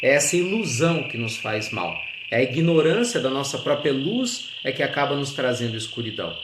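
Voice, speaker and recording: A man giving an earnest, reflective spiritual talk, animated and addressing his listeners directly. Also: mid-range voice, fairly quick, background noise. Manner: earnest, animated, with teaching asides. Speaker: spiritual speaker. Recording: echoey with loud crickets and frogs.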